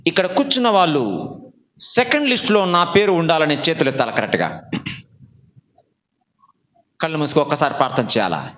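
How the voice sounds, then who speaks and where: A man preaching a sermon, quizzing the congregation and having them raise hands. He swings from low asides to shouted calls. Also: sing-song, fairly quick, long pauses, muffled recording. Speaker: pastor.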